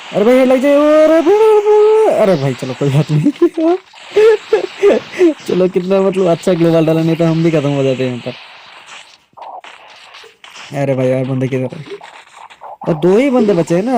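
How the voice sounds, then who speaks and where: A young man giving casual, excitable live commentary over a mobile game he is playing, often breaking into exclamations. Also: on the high side, fairly quick, pauses often, slight background noise. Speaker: gaming YouTuber.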